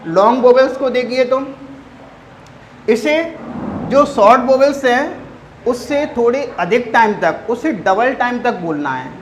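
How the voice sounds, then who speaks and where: A male teacher taking a phonetics class at a very slow, deliberate pace. He stretches each example word and keeps asking his students a question, then answers it himself. A faint hiss sits under his voice. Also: very high voice, expressive, low-quality recording. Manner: addresses listeners as friends. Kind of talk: phonetics lesson for exam students.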